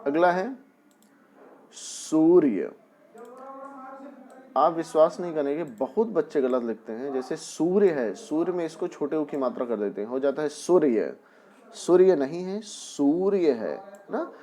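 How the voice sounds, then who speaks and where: A man's voice: fairly high pitch, lively intonation, moderate pace, few pauses, a little mellow. A man teaching a Hindi spelling lesson to young pupils, patient and explaining step by step with repeated examples. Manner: often asks the class "है ना".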